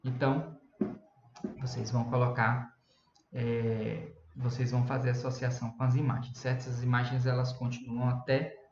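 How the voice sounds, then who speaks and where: A man's voice: mid-range voice, little pitch movement, moderate pace. A Brazilian man teaching an English lesson in a chatty way, explaining in Portuguese and mixing in English words. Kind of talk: recorded online lesson. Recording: lo-fi roomy recording with faint hum.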